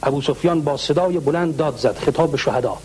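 A man with a slightly high, mellow voice lays out historical accounts as a religious scholar answering a question. He clears his throat often and slows down for Arabic quotations. A faint hum sits under the recording. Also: low-quality recording. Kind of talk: explanatory talk retelling historical accounts.

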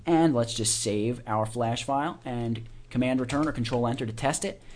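A man teaching software in a casual screencast, informally talking through each click and keystroke as he does it. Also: mid-range voice, normal speed. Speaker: software tutorial instructor. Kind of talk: casual step-by-step screencast tutorial.

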